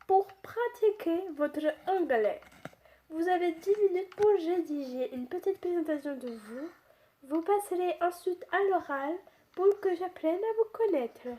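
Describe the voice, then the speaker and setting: A woman voicing a strict female schoolteacher in a story reading, in a raised, louder voice with a clumsy attempted foreign accent. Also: very high voice, animated, unhurried, pitched above the performer's own voice. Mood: formal.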